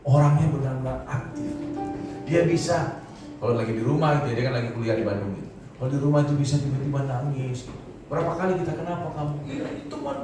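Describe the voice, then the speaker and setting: Middle-aged man, pastor, casual storytelling sermon; distant mic, heavy hall echo. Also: fairly high pitch. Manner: casual storytelling sermon with quoted voices and laughs. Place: church hall. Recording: echoey hall, voice from far off.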